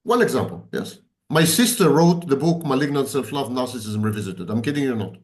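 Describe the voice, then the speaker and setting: A man's voice: mid-range voice, animated, fairly quick. A man, speaking as a psychology expert in an emphatic, repetitive, sardonic conversational lecture. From Israel.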